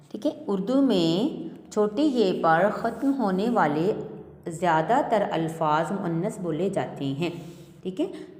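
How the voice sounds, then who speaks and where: A woman teaching a primary-school Urdu lesson, explaining slowly and repeating each word, often checking in with "theek hai". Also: mid-range voice, darkish tone, roomy sound, in a large hall. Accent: Urdu-speaking. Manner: explains slowly, repeats words, often says 'theek hai'. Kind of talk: classroom lesson.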